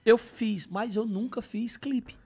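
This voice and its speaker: Gravelly man. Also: high voice, slow. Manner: animated, slangy, bursts into singing parodies. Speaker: podcast guest, comedian. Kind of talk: casual storytelling chat.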